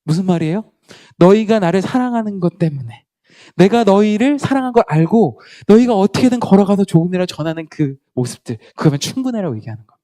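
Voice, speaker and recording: Young male preacher, mellow tone, dry sound; animated storyteller shifting from loud to hushed. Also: high voice, fast, dry recording. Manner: storytelling, acts out dialogue, swings from loud to quiet. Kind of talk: sermon.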